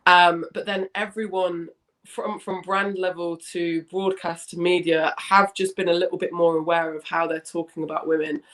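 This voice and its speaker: A young woman, hoarse from a cough with a slight smoker's rasp, chatting in a rambling, self-correcting way as an interview guest. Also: fairly low pitch, level tone, moderate pace, poor audio. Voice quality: slightly husky, smoky rasp. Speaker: interview guest, founder of a women's football fan community. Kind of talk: casual interview chat.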